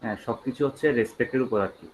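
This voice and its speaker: A young male university student joining an online Q&A, answering in a relaxed, reassuring way. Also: medium pitch, fast talker, slight background noise. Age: young adult. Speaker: senior student guest. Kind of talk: casual online Q&A. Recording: dull muffled call audio.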